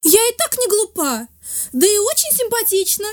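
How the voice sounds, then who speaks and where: A man's voice: very high voice, very animated, moderate pace, voice pushed up. A narrator voicing a vain, spoiled young fairy girl who whines and cries, in a storybook reading. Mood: capricious. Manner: whiny, tearful.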